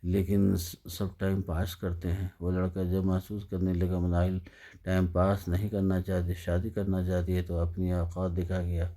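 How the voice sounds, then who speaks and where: Sad story narrator guy, deep voice, flat and dark, sorrowful. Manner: somber, sorrowful.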